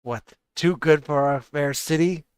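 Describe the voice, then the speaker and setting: A man doing a raspy sneering city thug. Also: a little high, measured pace, no echo, natural voice. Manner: mocking, condescending.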